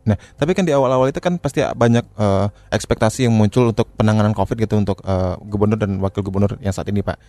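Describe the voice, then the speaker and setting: A man's voice: on the low side, fast talker, hardly any pauses, dark tone, faint music behind. A man hosting a radio interview, putting questions in a conversational way.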